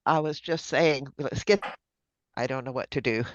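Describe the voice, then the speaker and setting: A woman's voice: extremely low pitch, moderate pace, dry recording, highs cut off. Sick woman on a call line breaking up. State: sick, unwell. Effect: remote call audio breaking up. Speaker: board member on a remote call. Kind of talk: meeting discussion. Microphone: remote call connection.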